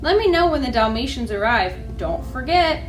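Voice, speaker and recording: A woman's voice: high-pitched, very animated, normal speed, echoey room, soft background music. A woman voicing a haughty, demanding female villain with an imperious drawl in a children's storybook. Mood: commanding.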